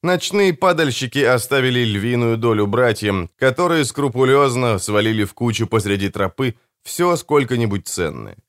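Man reading a dark fantasy audiobook. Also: mid-range voice, animated, normal speed, hardly any pauses, no room sound, studio quality. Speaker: audiobook narrator. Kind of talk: scripted narration.

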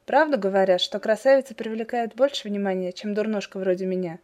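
A woman's voice: medium pitch, steady tone, brisk, a little mellow, close to an everyday voice. A woman voicing a playful, coquettish young woman who teases her friend. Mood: teasing. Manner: teasing, playful.

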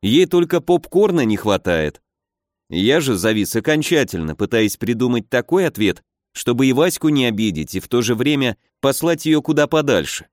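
A man's voice: mid-range voice, very animated, normal speed, dry recording, studio quality. A man reading a novel aloud in the first person, with a wry storytelling manner. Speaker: audiobook narrator. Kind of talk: first-person scripted narration.

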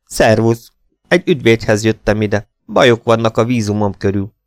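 An earnest young man levels with his friend in a frank, sober voice, as a male audiobook reader gives him lines. The voice sits fairly low and the recording is dry and close. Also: steady tone, clean tone, dry recording, close to an everyday voice. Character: young man, old friend, bearer of bad news. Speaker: character in audiobook. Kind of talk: audiobook character reading.

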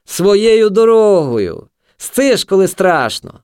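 Male reader voicing a young street junkie, shrill and mocking, yelled taunts. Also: very animated, slow pace, no echo, studio quality, full character voice. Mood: taunting.

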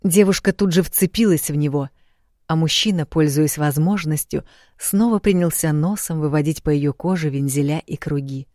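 A woman narrating an audiobook romance in an even, measured storytelling manner. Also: sits low, no room sound, clean studio sound. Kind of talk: scripted narration.

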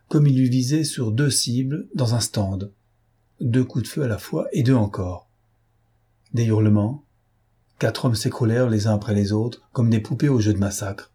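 A man narrating an audiobook in a measured, dramatic reading. His voice is low and husky with a warm, mellow tone. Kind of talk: scripted narration.

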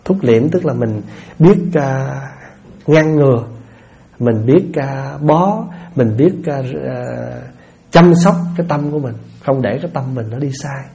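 Mellow monk preaching. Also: male voice, medium pitch, lively intonation, a little slow, highs cut off. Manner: folksy, asks listeners rhetorical questions. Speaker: Buddhist monk giving a dharma talk. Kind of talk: conversational sermon.

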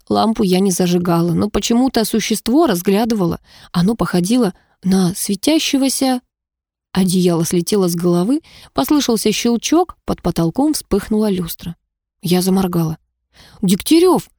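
A woman narrating a first-person audiobook in a wry, lively storytelling manner. Her voice is mellow and dark, recorded on a close mic that sounds dry, with no room around it. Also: medium pitch, no echo.

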